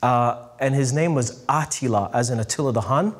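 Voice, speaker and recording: A middle-aged man, a priest, preaching a sermon to a live audience in a lively, emphatic storytelling manner, slowing down to stress key phrases. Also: medium pitch, a little hiss or hum.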